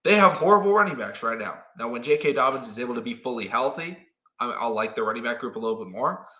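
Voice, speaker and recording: Brief: young male sports host, animated, quotes players in quick asides, bright tone. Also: medium pitch. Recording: roomy echo.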